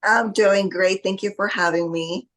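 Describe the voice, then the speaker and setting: A woman's voice: medium pitch, steady tone, measured pace, fairly bright tone. A woman from Costa Rica, a guest on a podcast, talking casually with many fillers. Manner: hesitant, many fillers, laughs easily. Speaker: podcast guest, bodybuilding athlete. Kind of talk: casual interview.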